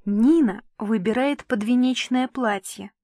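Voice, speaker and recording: A woman's voice: a little high, a little slow, a little mellow, dry recording, studio quality. A woman reading aloud, voicing a vain, melodramatic aging male actor who pleads and coos. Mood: coaxing. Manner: melodramatic, wheedling.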